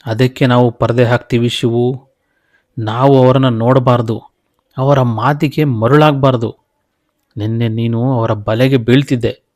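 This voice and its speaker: A man voicing a stern, protective village father who speaks firmly and in a hush. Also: mid-range voice, fairly even intonation, unhurried, pauses often, lightly acted. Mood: grave. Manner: firm, hushed, commanding.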